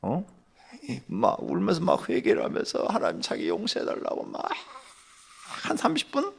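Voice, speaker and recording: A pastor giving a dawn sermon, telling a story in a lively way that swings from hushed asides to loud bursts. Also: male voice, sits high, moderate pace, creaky, slightly rough. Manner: animated, swings from hushed to shouting.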